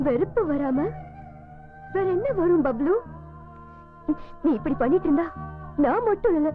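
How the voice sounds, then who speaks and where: A woman's voice: very high-pitched, animated, a little slow. An actress playing an emotional young woman who scolds and pleads in a film drama. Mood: upset, pleading. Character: young woman torn between two pursuing men. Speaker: film heroine. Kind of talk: Tamil film drama acting. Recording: tinny lo-fi film audio with music. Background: film score music.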